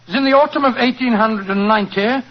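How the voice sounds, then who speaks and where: High-voiced, genial old English Doctor Watson. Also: male voice, fast. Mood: genial, reminiscing. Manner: avuncular, old-fashioned, courteous. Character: genial older English doctor, loyal, slightly puzzled sidekick and storyteller. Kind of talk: 1940s radio drama acting, storytelling. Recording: dull, noisy 1940s radio recording.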